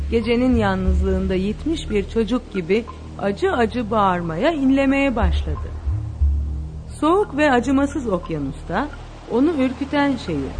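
A woman reads a story aloud with expressive, dramatic delivery. Her fairly high voice moves through a lively, animated pitch range. Soft music sits faintly in the background. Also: big-room sound. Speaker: narrator. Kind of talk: scripted storybook narration.

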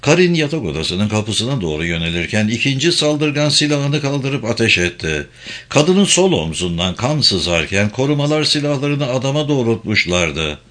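A man narrating a thriller audiobook in a measured storytelling manner. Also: medium pitch, big pitch swings, fairly bright tone. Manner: measured storytelling with acted dialogue.

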